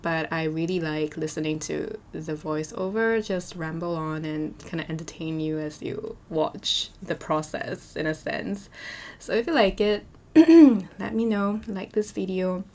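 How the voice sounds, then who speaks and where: A young woman with a hoarse voice, chatting and rambling as a voiceover for her game building video, full of fillers and restarts. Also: low-pitched, fairly even intonation, a little slow, slight background noise. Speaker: Sims speed-build YouTuber.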